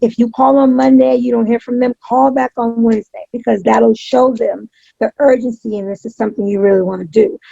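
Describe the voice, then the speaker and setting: A woman with a heavily creaky, fairly high voice gives an interview in a casual, emphatic way. She repeats phrases to drive points home. The tone is husky and the audio is dull and lo-fi. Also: mellow, dry recording. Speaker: interview guest, pro wrestling announcer.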